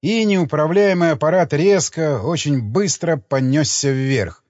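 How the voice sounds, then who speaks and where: A man narrating an audiobook in a lively, dramatic storytelling manner, in a slightly muffled dry recording. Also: on the high side, unhurried, no room sound.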